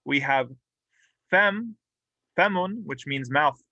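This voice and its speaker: A man's voice: mid-range voice, moderate pace, sharp tone, no room sound, highs cut off. A man teaching a classroom grammar lesson, explaining patiently and drilling example words aloud with light humor. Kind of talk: classroom lecture. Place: mosque classroom.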